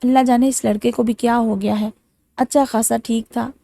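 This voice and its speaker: A woman's voice: on the high side, steady tone, vocal fry, dark tone, no echo. A woman voicing a proud, fussy middle-aged mother. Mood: complaining. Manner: fussy, self-satisfied.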